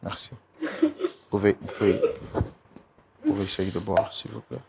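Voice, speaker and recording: A man hosting an emotional talk show, pleading and apologizing again and again to calm a guest. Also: lowish voice, unhurried, creaky. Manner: pleading, repeating apologies and calming words. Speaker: host. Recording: noisy recording.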